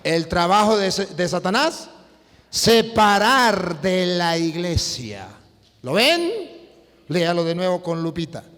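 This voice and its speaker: Priest guy preaching, highish voice, jumps loud and soft a lot, long echo tail. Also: slow. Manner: animated storytelling with sudden swings in pitch and loudness. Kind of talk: preaching sermon. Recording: long hall reverb.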